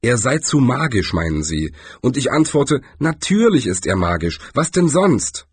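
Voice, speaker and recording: Man voicing a small, sardonic shopkeeper, high and breezy, slightly husky. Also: sing-song, measured pace, no room sound, exaggerated voice. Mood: wry.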